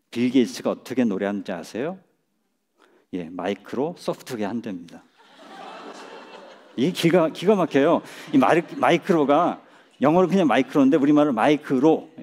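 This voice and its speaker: A middle-aged man giving a public lecture on a stage, speaking in a measured way and chuckling at his own jokes. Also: mid-range voice, a little mellow. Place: lecture stage before an audience.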